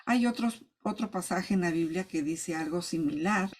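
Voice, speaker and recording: A woman's voice: on the low side, normal speed. A woman, a Sunday school teacher telling a Bible parable to children and acting out the characters' voices. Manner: animated, acts out the characters' pleas and commands. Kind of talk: storytelling Bible lesson for children.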